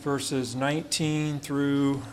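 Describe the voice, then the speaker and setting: A man's voice: medium pitch, level tone, extremely slow, a little mellow, slight background noise. A male pastor preaching a sermon at a pulpit microphone in a church, reading scripture and then explaining it with frequent "uh" fillers.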